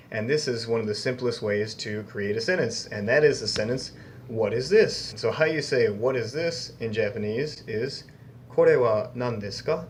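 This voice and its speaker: A young man hosting a casual beginner Japanese lesson, chatty and upbeat, slowly repeating each new word for learners. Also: medium pitch, a little hiss or hum. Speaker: Japanese language teacher, channel host.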